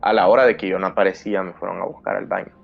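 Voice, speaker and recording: Man, very low voice, dramatic storyteller, dull lo-fi sound, faint music. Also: level tone, racing, gravelly. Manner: dramatic storyteller who acts out his own fearful past self. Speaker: podcast host. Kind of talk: recounting a personal scary story.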